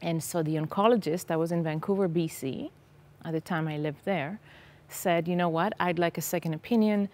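An Israeli woman whose first language is Hebrew gives personal testimony as a guest on a TV interview, speaking earnestly but hesitantly with many ums. Her voice is lowish and darkish, at a normal speed, captured by a lapel mic on a studio set.

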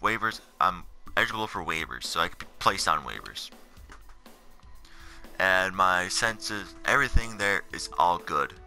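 A seventeen-year-old guy, tired and awake in the middle of the night, rambles casually over game menu footage while narrating his career mode. His voice is low with lively intonation, a moderate pace, and a pushed, bright quality. Music plays underneath.

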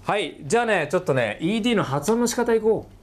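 A middle-aged man giving a casual recorded lecture as a teacher, often checking in with the student and slowly sounding words out again and again. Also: high-pitched, very animated, slight background noise. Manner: sounds words out slowly, stretching and repeating them. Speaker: English teacher.

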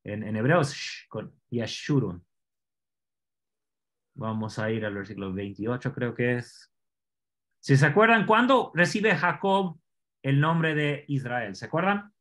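A man teaching an online scripture class, explaining Hebrew words slowly and asking his students questions. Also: mid-range voice, expressive, fairly bright tone.

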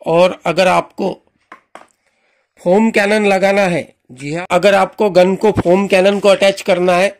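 High-voiced man giving a casual demo. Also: fairly even intonation, slow. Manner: friendly instructional, repeats "जी हाँ दोस्तों". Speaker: channel host demonstrating a car washer.

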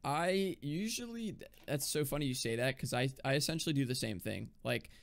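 A young man co-hosts a podcast in rambling, self-deprecating chat, laughing often. His voice has a gravelly, fry-edged texture at a mid pitch. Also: fast talker. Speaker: podcast co-host. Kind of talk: casual chat.

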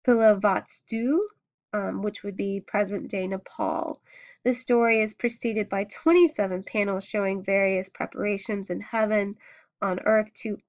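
Woman giving an art history lecture, lots of ums, kinda muffled lo-fi audio. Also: medium pitch. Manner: hesitant, many ums and restarts. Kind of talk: recorded lecture. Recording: dull lo-fi recording.

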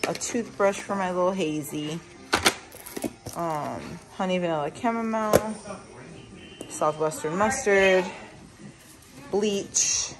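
A woman in her thirties, a mother and vlogger, casually listing her grocery haul item by item with frequent ums. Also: fairly low pitch. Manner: lists items slowly with frequent ums. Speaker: vlogger, mother of a large family. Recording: noisy home recording. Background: kids in the background.

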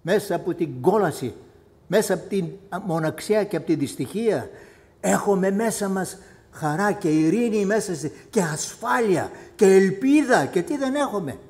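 Male pastor, high voice, impassioned sermon, loud then hushed, long church-hall reverb. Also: expressive. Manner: impassioned preaching, swinging between loud outbursts and hushed asides.

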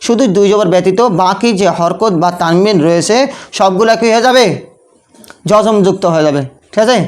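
A man's voice: high voice, fairly quick, clear, resonant tone. A man teaching Quran recitation rules in a classroom lesson. He keeps asking questions, answers them himself, and often checks in with short tag questions.

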